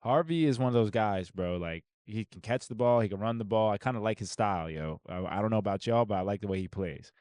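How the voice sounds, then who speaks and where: Fast-talking man in casual podcast chat. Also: on the low side, animated, a little mellow, no echo, studio quality. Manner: rambling, trailing restarts, slangy. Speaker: podcast co-host. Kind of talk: casual sports and pop culture chat.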